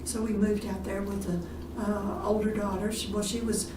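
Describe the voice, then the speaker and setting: Older woman, unhurried with fillers, roomy distant recording, background noise. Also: medium pitch, flat delivery. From Texas. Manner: unhurried, many fillers and restarts. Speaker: retirement community resident. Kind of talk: recorded oral history interview. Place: room in a retirement community.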